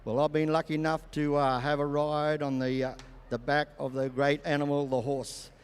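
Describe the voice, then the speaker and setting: An older Australian man commentating live over an arena PA, with folksy showmanship and drawn-out phrasing. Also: fairly high pitch, level tone, clean tone. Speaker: campdraft commentator and announcer. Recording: echoing arena PA, long reverb.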